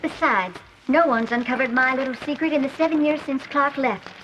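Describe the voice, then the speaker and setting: An actress playing a caring older farm mother in a 1980s audio drama, speaking in a soft, nurturing way. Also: high voice, moderate pace, background noise, lightly acted. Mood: fond. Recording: dull cassette sound with music.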